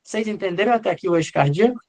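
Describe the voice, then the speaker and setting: A man's voice: high voice, lively intonation, very fast, dark tone. A man teaching a live online class in an informal way, answering students by name and acting out what the leads are saying. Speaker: medical lecturer.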